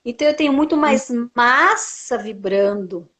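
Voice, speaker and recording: Woman, speech therapist, slightly high voice, didactic live-stream explainer who asks and then answers her own questions. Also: animated, a little slow, fairly bright tone. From Brazil. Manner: frequent tag "né".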